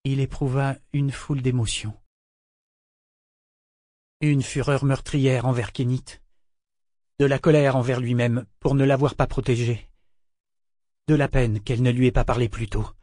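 Man with a dark, dry narrating voice. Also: medium pitch, fairly even intonation, unhurried, long pauses, no room sound. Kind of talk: audiobook narration.

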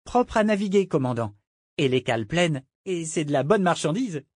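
A man's voice: fairly high pitch, sing-song, moderate pace, a little mellow, dry recording, clean studio sound, voice pushed up. Casting: male reader as a young, eager ship's boy, raised voice, keen. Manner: enthusiastic.

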